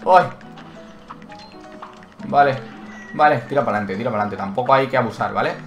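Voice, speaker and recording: Excitable man playing a game. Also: medium pitch, normal speed. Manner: excitable, yelps and cries out when hit; thinks aloud, reads menu text aloud. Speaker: gaming channel host. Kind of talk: Let's Play commentary. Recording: roomy echo with game music behind.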